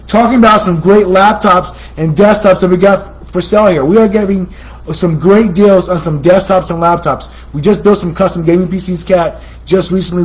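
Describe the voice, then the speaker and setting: Chatty salesy American man, high voice. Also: poor audio. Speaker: computer store host. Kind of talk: casual promotional talk.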